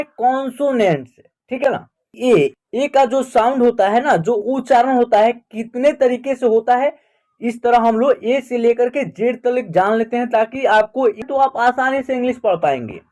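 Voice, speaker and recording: A man's voice: extremely high pitch, darkish tone. A man with a Hindi accent teaching English pronunciation, spelling words out letter by letter and checking in with learners. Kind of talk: slow spelling and pronunciation lesson.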